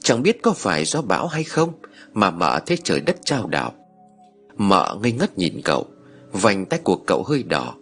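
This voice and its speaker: Male audiobook narrator, husky, lively pitch, faint music under. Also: normal speed. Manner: expressive, dramatic. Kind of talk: storytelling narration.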